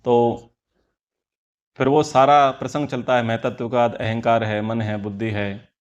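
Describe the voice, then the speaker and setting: A man's voice: medium pitch, level tone, a little slow, highs cut off. A man teaching a scripture class, explaining earnestly and repeating key phrases for emphasis. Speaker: Vedic teacher.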